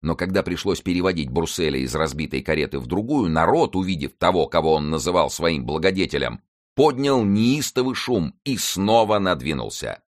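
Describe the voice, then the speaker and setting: A man's voice: sits low, lively intonation, normal speed, dry recording, studio quality. A man narrating an adventure novel as an audiobook, reading dramatically.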